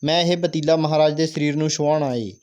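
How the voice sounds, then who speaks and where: A man's voice: on the high side, steady tone, fast talker, a little mellow, close to an everyday voice. A man reading the part of an eager, devoted old village woman in a school play, in his own voice. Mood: pleading.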